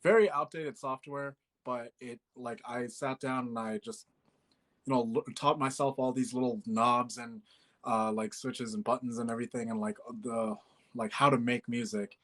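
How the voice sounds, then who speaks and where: A man's voice: mid-range voice, fairly even intonation, moderate pace, a bit bright. A man in his twenties from Bangladesh, a musician guest chatting casually in an interview, with many fillers and easy laughs. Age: 20s.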